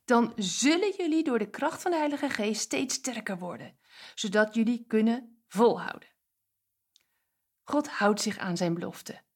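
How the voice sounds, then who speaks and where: A woman's voice: on the high side, a little slow. A woman giving a short devotional message and prayer, speaking directly and encouragingly to the listener.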